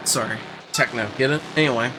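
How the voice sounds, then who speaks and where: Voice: medium pitch, fast, background noise. A video game streamer giving casual, playful gameplay commentary peppered with swearing. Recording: loud game music behind.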